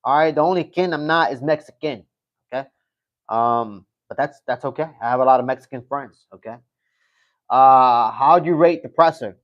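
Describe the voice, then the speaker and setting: Loose, rambling live-stream chatter comes from a male host who repeats himself and swears occasionally. He speaks at normal speed with a medium pitch, and the recording sounds muffled.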